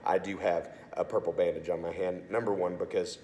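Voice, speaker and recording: A man's voice: low-pitched, fairly even intonation, brisk, dark tone, a little hiss or hum. A man with a congested, sore-throated voice gives an upbeat, informal video message as a youth pastor. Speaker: assistant pastor of student ministry. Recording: echoey, reverberant room sound.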